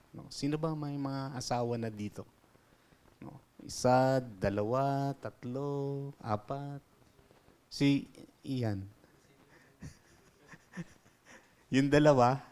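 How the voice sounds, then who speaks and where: A man's voice: mid-range voice, slow, long pauses, a little mellow, clean tone. A man giving a casual sermon talk as pastor, mixing English in and drawing out key phrases. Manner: mixes English into Tagalog, stretches out key phrases.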